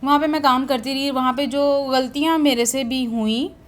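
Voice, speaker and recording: A woman's voice: sits high, fairly even intonation. A woman sharing a personal testimony about her office work in a prayer session, in a rambling, hesitant way with many restarts.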